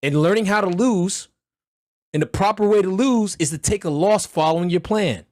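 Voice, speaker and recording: The speaker is a man hosting a trading mentorship livestream, his voice hoarse as he recovers from being sick and pitched a little high. He talks at a normal speed, loudly and bluntly, using slang to drive listeners on like a coach. The close, dry recording has no room sound.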